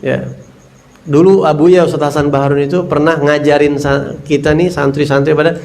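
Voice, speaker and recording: A male religious teacher whose voice sits a little higher than most men's. He gives a religious talk built around personal stories, speaking casually and with feeling. He acts out the scenes he recalls. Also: fairly even intonation, moderate pace, darkish tone. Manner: casual, heartfelt, acts out scenes and recites verses.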